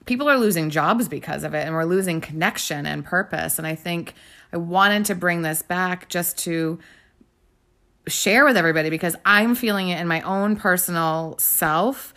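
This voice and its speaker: A woman's voice: lowish voice, normal speed, bright, forceful tone. A woman co-hosting a podcast, chatting casually as a bubbly, giggly, rambling storyteller. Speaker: podcast co-host. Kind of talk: casual chat.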